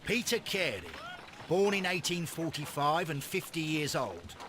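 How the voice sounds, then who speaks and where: A man's voice: a little high, big pitch swings, measured pace, noisy background. A man playing an eager, deferential Victorian police inspector in a video game, briefing expressively in a British accent. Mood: informative.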